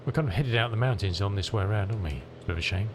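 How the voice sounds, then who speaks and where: Male sim streamer, lower register, casual and musing, clear cockpit rumble behind. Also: very fast. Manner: musing, thinking aloud. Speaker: flight simulator streamer. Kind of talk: casual chat while playing. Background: aircraft engine rumble.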